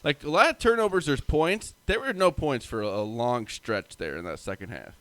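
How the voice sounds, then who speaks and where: Man, sports co-host, animated, exasperated, lively pitch, dry close sound. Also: normal speed, no echo. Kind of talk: casual sports podcast chat.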